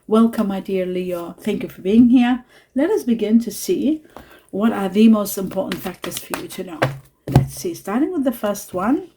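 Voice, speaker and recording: A woman reads tarot and oracle cards for her viewers in a soft, unhurried, reassuring way. Her voice is mellow and dark in tone, with a faint hiss of noise behind her. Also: mid-range voice, animated. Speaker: tarot reader. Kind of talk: spiritual card reading to camera.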